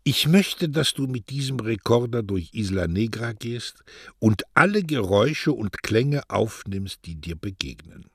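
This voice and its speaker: A man reading as an old poet speaking a heartfelt message, warm and intimate, in an audiobook. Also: fairly low pitch, expressive, unhurried, breathy edge, dry recording, clean studio sound, heavily acted. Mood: tender. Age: older. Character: old male poet speaking on a tape, tender.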